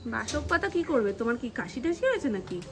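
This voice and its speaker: A woman's voice: on the high side, big pitch swings, fairly quick. A young woman with a West Bengal Bengali accent, chatting casually to her viewers at home while coaxing her toddler. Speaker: vlogger and mother. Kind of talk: casual home vlog narration. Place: home, indoors and garden.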